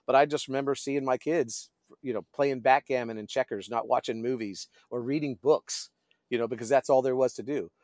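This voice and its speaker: He's a middle-aged pastor and fishing guide, guesting on a podcast and telling stories in a relaxed, conversational way, frequently searching for words. His mid-range voice has a darkish tone, fairly even intonation and a slightly fast pace. The sound is clean studio audio without echo.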